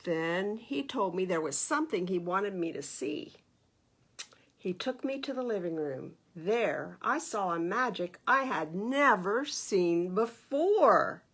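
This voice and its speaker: Reading to kids at storytime, a librarian takes the picture book at a slow pace, stopping for asides and questions. Her mid-range voice is expressive, with a fairly bright tone and a slightly rough texture.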